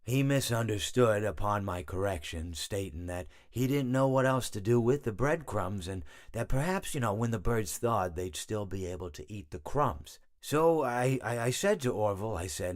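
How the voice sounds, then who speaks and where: A man's voice: lowish voice, expressive, normal speed, few pauses, close to an everyday voice. A man voicing a genial, darkly blasé animatronic hippo in a video game, telling stories in a rambling, hesitant, self-correcting way. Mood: wistful, rambling. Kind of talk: storytelling monologue, video game voice acting.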